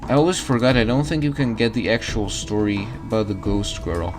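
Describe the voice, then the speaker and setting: A man's voice: on the low side, fairly even intonation, a little fast. Guy streaming a game, just chatting through it, faint music behind him. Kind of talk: casual gaming commentary, reading out dialogue.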